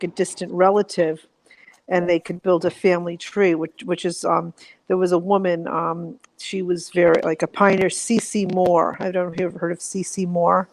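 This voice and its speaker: A woman's voice: lowish voice, creaky, no room sound, poor audio. A woman from Connecticut calling into a live stream, speaking hesitantly with many restarts. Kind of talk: casual chat.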